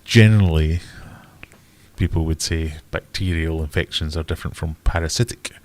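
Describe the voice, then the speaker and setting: Middle-aged British man, low-pitched and stuffed-up nose, blunt and wry livestream host, loose conversational delivery. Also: normal speed, a little mellow. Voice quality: bunged-up, congested nasal voice. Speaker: livestream host answering viewer questions. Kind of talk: casual livestream chat.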